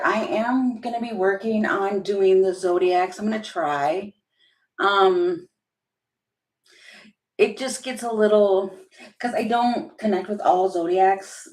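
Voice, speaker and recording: A woman's voice: mid-range voice, a little mellow, reverberant. A woman who reads tarot on a live stream, casual and chatty, thinking aloud from home. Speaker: tarot reader. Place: home room with a heater running.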